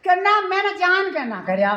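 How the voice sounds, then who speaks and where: Woman doing a high, sheepish young bride, lilt, dull roomy sound. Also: very animated, normal speed, sharp tone, heavily acted. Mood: flustered. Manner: pleading, embarrassed. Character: shy flustered young daughter-in-law.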